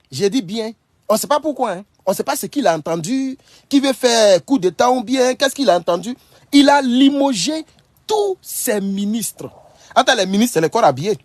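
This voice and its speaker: A man with a fairly high voice gives loose, animated commentary to his online followers. He circles back over the same phrases and breaks into laughter. The recording is dry and close. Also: no echo. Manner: animated, repetitive, laughs often while talking. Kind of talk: casual storytelling and commentary to followers.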